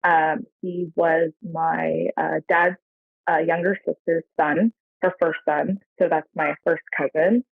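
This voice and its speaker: This podcast guest, a woman from the San Francisco Bay Area, talks slowly in a low, level, creaky voice during a casual interview, rambling reflectively with many fillers. The recording comes over a tinny, phone-like line that's dry, with no echo.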